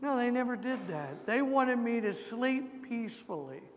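A man's voice: very high-pitched, animated, a little hiss or hum. A man preaching a sermon in a church, moving from scripture reading into story-filled asides to the congregation. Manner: slow, deliberate preaching with asides. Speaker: pastor. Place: large church sanctuary. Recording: long church reverb.

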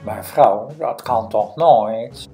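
Timid storybook fisherman, slow and pleading, voiced by a woman narrator. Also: a bass voice, dark tone, faint music behind, full character voice. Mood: anxious. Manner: hesitant, pleading. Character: timid, anxious humble old fisherman.

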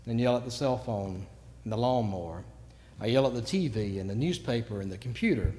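A man preaching a sermon, telling stories and moving between quiet asides and sudden loud bursts. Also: mid-range voice, expressive, fairly quick. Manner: storytelling, swings from quiet to shouting. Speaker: pastor. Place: church sanctuary. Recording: long church reverb.

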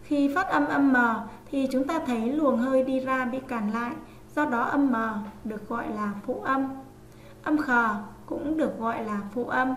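A high-pitched woman teaches young children to read in an online lesson. She stretches each sound as she spells out syllables. The room echoes, with a faint hiss behind her. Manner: slow, drawn-out sounding out of letters. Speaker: online primary school teacher.

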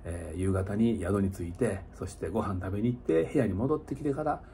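A man's voice: lowish voice, fairly quick, gravelly, warm tone. A middle-aged man with a Kansai accent, slightly tipsy, chatting in a rambling, casual way to viewers like a livestreamer. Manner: rambling, chuckling, conversational asides. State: slightly tipsy after an hour of drinking. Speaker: motorcycle touring vlogger. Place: small indoor lodging room. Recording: noticeable background room noise.

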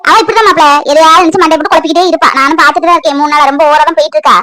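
A woman voicing a brisk, sharp-tongued middle-aged mother who scolds her daughter in a cartoon. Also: sits high, steady tone, dry recording. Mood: scolding. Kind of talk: cartoon voice acting.

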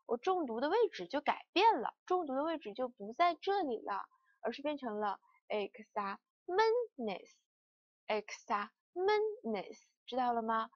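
A woman language teacher giving a lesson, repeating each word slowly for students to follow. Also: sits high, dry recording, lo-fi sound. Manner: slow, repeated word drills.

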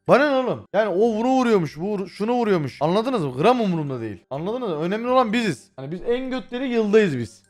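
A man streaming live, chatting casually with his viewers, who swings from mumbled greetings to loud outbursts and swears freely. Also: on the high side. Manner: swears freely, repeats filler words.

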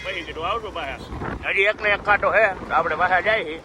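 A man's voice: high-pitched, a little fast. A male vlogger, chatting casually to viewers on his phone camera as he goes about town. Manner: chatty, greets viewers warmly with devotional calls. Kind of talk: casual vlog chat. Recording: noisy street background.

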